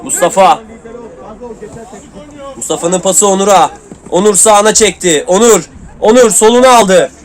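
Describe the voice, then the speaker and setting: A man with a high voice commentates a local football match live, snapping out player names and quick calls. A faint crowd murmurs behind him at an outdoor pitch. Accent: Turkish.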